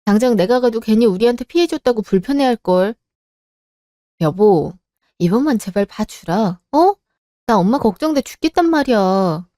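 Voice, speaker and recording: Radio drama lead: a woman as an anxious, pleading wife, mellow voice, dry sound. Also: fairly high pitch, animated, moderate pace, no echo, natural voice. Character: worried married daughter, young mother.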